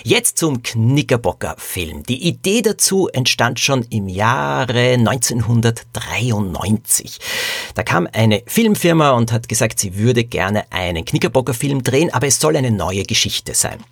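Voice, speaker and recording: Husky male author-narrator, calm story read, dry close sound. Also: mid-range voice, measured pace, dry recording.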